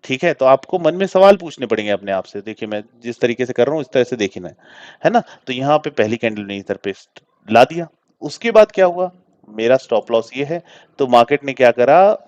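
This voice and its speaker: A man's voice: medium pitch, animated, a little fast, a little mellow. Man teaching trading with rhetorical questions. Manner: explains with rhetorical questions and mixes in English words. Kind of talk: screen-share trading tutorial. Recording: dull lo-fi sound.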